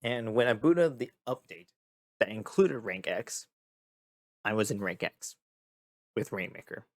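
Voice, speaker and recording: A young man hosting a casual gaming vlog, tired and a bit monotone, rambling and repeating himself as he talks. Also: fairly low pitch, unhurried, dry recording. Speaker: gaming video host. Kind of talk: casual talk to camera.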